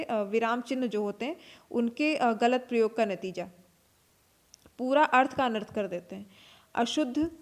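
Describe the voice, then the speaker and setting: Woman teacher, slightly high voice, patient step-by-step lecturing style. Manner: explains step by step, repeats terms, frequent "ठीक है" and fillers. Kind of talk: classroom lecture.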